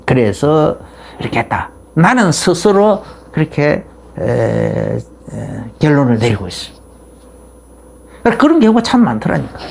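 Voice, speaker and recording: This sermon comes from a middle-aged pastor with a gravelly voice who talks a little slowly, with slight noise behind him. He preaches in a loose, storytelling way, restarting sentences often, and his pitch climbs and falls in wide swings.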